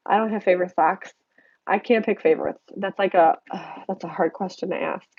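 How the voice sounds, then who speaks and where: A woman's voice: lowish voice, brisk, vocal fry, husky, no echo, lo-fi sound. A young American woman answering viewer questions on a casual live stream, congested and nasal from allergies, chatty and candid as she reads out comments. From United States. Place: home desk.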